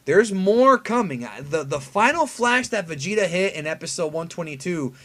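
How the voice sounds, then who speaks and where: A male anime review host speaks in a fairly high register. He breaks down a preview in a casual, conversational way, stressing his points and putting rhetorical questions to viewers. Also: lively intonation, normal speed, fairly bright tone. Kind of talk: casual fan commentary breaking down an episode preview.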